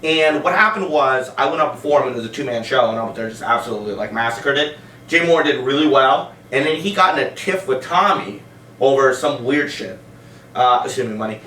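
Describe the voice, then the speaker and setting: A man's voice: mid-range voice, animated, brisk, bright, forceful tone, slight background noise. A man, a stand-up comic, telling rambling, profane stories on a casual podcast and often breaking into laughs. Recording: roomy sound from a distance.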